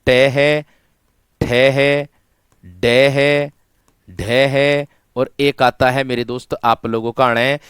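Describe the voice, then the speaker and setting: A man teaches an online exam-prep class with a clear, smooth voice. He repeats every point, keeps asking his students questions and answers them himself, and keeps calling them his friends. The sound is dry, close and free of room echo. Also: medium pitch, flat delivery, drawn-out words, long pauses, a bit bright. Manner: repetitive call-and-response questioning, addressing students as friend.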